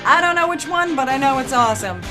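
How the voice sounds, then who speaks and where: High, bouncy woman hosting a youtube-style show, lively voice, music playing under her. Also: fast talker. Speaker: host. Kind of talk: casual online show hosting. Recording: music in background.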